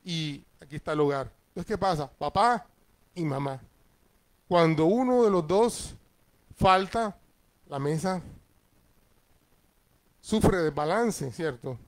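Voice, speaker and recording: A man's voice: on the high side, expressive, takes it slowly, long pauses. A middle-aged man, a pastor teaching Sunday school in a conversational way and checking in with his listeners. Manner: acts out family voices in passing.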